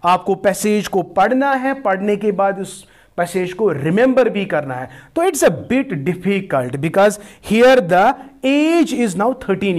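Slow-speaking male teacher lecturing. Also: high voice. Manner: explains slowly, addresses students as "beta"; asks and answers his own questions. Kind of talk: classroom lecture.

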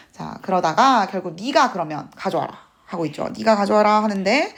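A woman literature teacher lecturing to students with a slightly hoarse, sunk voice, acting out quoted lines. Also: on the low side. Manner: animated, acts out quoted lines in character voices. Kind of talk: classroom lecture on classic Korean fiction.

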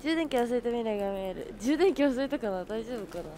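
A woman's voice: fairly high pitch, lively intonation, quick pace, background noise. A woman live-streaming outdoors, chatting casually with her viewers and friends and laughing often. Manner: bubbly, greets chat, laughs often. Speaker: livestreamer.

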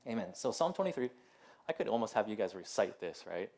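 A man's voice: fairly low pitch, big pitch swings, fast talker, a little mellow. A man in his thirties giving a casual sermon as pastor in a church, chatty and full of "like" and "um", with laughing asides. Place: church sanctuary.

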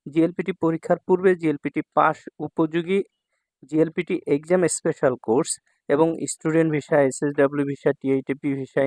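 With a voice on the high side and a darkish tone, a man from Bangladesh teaches Japanese kanji in a recording with no echo. He frequently repeats words and asks his students "ঠিক আছে?"

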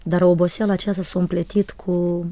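A woman speaks earnestly and softly. Her voice sits low and sounds mellow and dark, recorded dry and close. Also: little pitch movement, dry recording. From Republic of Moldova. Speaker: guest, evangelist's wife. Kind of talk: interview testimony.

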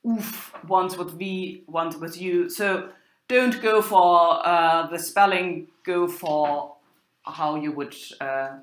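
A lowish-voiced woman with a German accent lectures informally on medieval German literature at a university, quoting text as she goes. Her delivery is slow, hesitant, and broken by many pauses, captured in a roomy, echoing recording.

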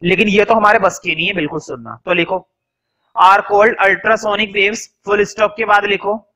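A young man teaching a class, dictating notes slowly and repeating each phrase, mixing Hindi and English and answering his own questions. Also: high-pitched, pushed and bright, poor audio.

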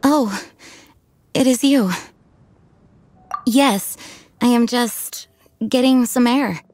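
A woman playing an earnest, formal knight commander in a game cutscene, measured and sincere. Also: on the high side, a little mellow. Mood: reflective, grateful. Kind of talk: video game cutscene acting.

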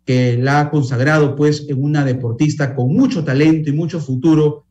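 A man's voice: on the high side, steady tone, moderate pace, darkish tone, dull audio. A middle-aged man, a news anchor hosting a live TV interview in a polished, formal presenter manner from a studio.

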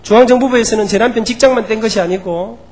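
Brief: a preacher voicing a desperate deaconess pleading her case, with a high voice. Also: fast talker, a little mellow, close to an everyday voice. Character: struggling middle-aged deaconess pleading with her pastor.

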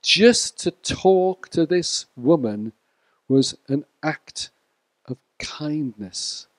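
A male preacher gives a sermon in a church, speaking slowly and in a measured way. His voice sits fairly high for a man. The sound is dry and close, with little room echo. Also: lively intonation. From Wales. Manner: measured, speaks to the congregation by name.

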